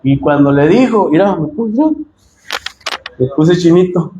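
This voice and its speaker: A man with a Mexican accent preaching a sermon as pastor, impassioned and direct with the congregation, often rising to shouts. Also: fairly high pitch, lively intonation, unhurried, muffled recording. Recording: echoey room with faint noise.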